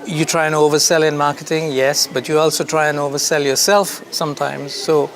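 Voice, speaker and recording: A man from India, a creative director, speaking as an interview guest in a relaxed, thoughtful way, often repeating words as he searches for them and laughing easily. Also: a little high, brisk, slight background noise. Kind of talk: casual conversation.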